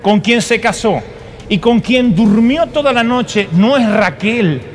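A man preaching, retelling a story with humor, animated and full of asides to the audience. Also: extremely high pitch, takes it slowly, soft background music. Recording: long hall reverb, live sermon.

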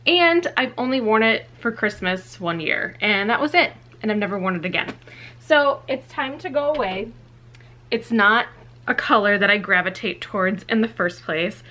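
Speaking at a normal speed in an expressive, medium-pitched voice, this young woman sounds bright and forceful. She's vlogging a closet clean-out from a small walk-in closet to a tripod camera a few feet off, candid and chatty, with plenty of "like" and "you know."

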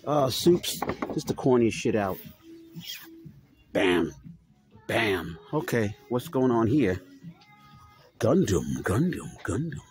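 A man's voice: fairly low pitch, expressive, slow, long pauses, a little mellow, soft background music. A man, ranting as he films a casual walk-through vlog inside a retail store, swearing and stammering over repeated words. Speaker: toy collector vlogger.

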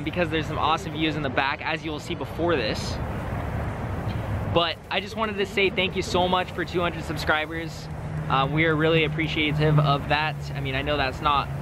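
A man's voice: a little high, background noise. A young man in his twenties chatting upbeat to a phone camera held at arm's length outdoors, thanking viewers. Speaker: vlogger. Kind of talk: casual vlog chat. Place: outdoors on a hilltop.

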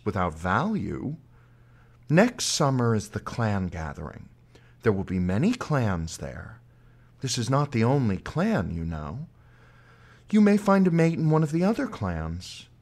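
A man voicing an old mother and medicine woman who comforts her daughter calmly and steadily. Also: mid-range voice.

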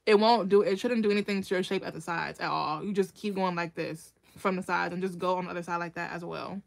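A woman with a slightly low voice hosts a relaxed nail art livestream. She talks casually, answers viewers by name and laughs easily as she demonstrates, keeping a friendly, chatty tone. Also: fast, creaky. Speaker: nail artist hosting a tutorial livestream. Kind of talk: casual livestream tutorial chat.

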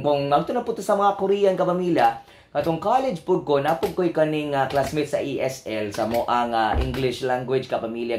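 A man's voice: mid-range voice, echoey room, a little hiss or hum. A man with a Cebuano Filipino accent hosting a casual radio show, playfully mimicking foreign accents and laughing often. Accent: Filipino, Cebuano-speaking. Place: radio studio.

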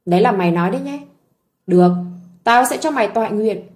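A woman's voice: mid-range voice, animated, fast, darkish tone, soft background music, lightly acted. A woman doing a cold vengeful wife. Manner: coldly mocking, harsh.

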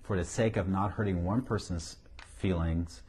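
Recorded via lapel mic while sitting on an office couch, a middle-aged pastor with a Syrian accent talks casually about ministry with strong emphasis, repeating key phrases and chuckling. His voice is deep, husky and darkish, with fairly even intonation at a normal pace.

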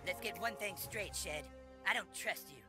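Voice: medium pitch, normal speed, music in the background, natural voice. An actor voicing a brash, foul-mouthed cartoon boy playing superheroes in a video game, melodramatic and insulting. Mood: hostile.

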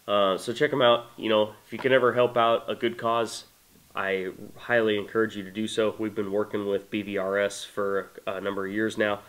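This is a man in his thirties, congested with a cold, presenting his own handmade knife to camera in a small indoor space. He talks at a moderate pace in a lowish voice, relaxed and enthusiastic, peppering the casual product talk with "you know" and "uh."

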